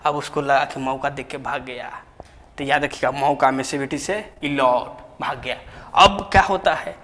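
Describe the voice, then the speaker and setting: A man's voice: mid-range voice, normal speed. A man teaching an exam lesson with memory tricks, chatty and jokey in a colloquial way. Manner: chatty, jokey, colloquial, rises loud when excited. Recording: echoey room with long reverb.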